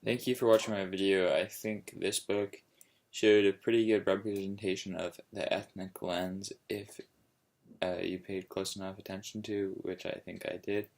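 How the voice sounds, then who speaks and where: Sleepy monotone young man, deep gravelly. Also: unhurried. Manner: monotone, hesitant with many fillers. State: just woke up, sleepy. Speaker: student presenter. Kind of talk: school project video talk.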